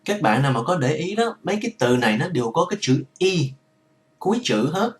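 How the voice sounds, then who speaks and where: A man's voice: a little high, very animated, fairly quick, recorded from a distance. A man teaching English pronunciation, reading word lists one word at a time and explaining the vowel sounds. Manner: explains in Vietnamese, quoting English words.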